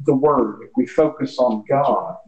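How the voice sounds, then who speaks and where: A man relaxed in telling a parable during a church Bible study discussion in a meeting room. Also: medium pitch, measured pace, reverberant, muffled recording, noisy background. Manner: relaxed storytelling with quoted dialogue. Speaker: class member.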